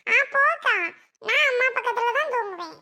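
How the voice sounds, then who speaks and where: A woman's voice: lively intonation, normal speed, bright, forceful tone, heavily acted. A woman voicing a stubborn little boy who whines and cries to stay by his mother, in a cartoon. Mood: whiny. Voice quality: high and childish. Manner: whining, stubborn crying. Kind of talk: cartoon voice acting.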